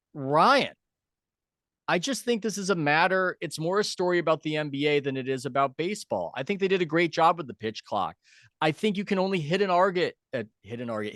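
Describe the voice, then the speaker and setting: A man's voice: medium pitch, fairly bright tone, no echo, clean studio sound. A man hosting a sports talk show, arguing his opinions emphatically and changing his pace for stress. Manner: argumentative, emphatic, speeds up and slows down. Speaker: show host.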